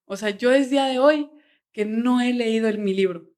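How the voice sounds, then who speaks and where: A woman guest on a podcast, telling her story in a casual, animated way and acting out bits of dialogue. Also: on the high side, normal speed. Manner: animated storyteller, quotes dialogue, frequent "o sea", laughs often. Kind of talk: casual interview chat.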